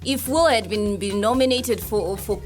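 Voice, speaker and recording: A woman talk show host with a medium-pitched voice speaks at a normal speed. She leads a casual, opinionated entertainment discussion in a conversational way, with music playing behind her voice.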